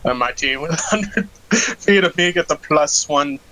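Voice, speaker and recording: A man's voice: fairly high pitch, animated, moderate pace, bright, forceful tone, poor audio. A young man playing a tabletop game, hesitant and full of ums as he picks his move. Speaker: player. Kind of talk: casual tabletop game chat.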